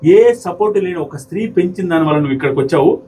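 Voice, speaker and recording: Male commentator, high and rapid, argumentative, acts out quotes; slightly distant mic with faint ambience. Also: lively intonation, warm tone, a little hiss or hum. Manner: heated, argumentative, mimics quoted speakers. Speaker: commentator reviewing a reality show episode. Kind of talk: fast opinionated commentary to viewers.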